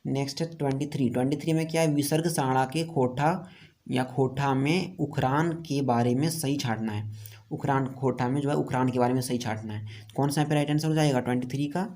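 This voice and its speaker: A man's voice: mid-range voice, fairly quick, darkish tone. A man from India with a Jharkhand accent, teaching an online exam-prep lesson and going through quiz answers one by one, asking each question aloud and then answering it himself.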